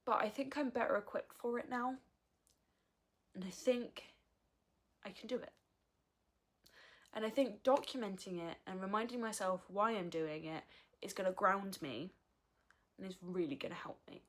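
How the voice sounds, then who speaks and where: A woman's voice: mid-range voice, normal speed. A woman, talking frankly and earnestly in a personal vlog. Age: early 20s. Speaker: vlogger. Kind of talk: candid personal vlog talk.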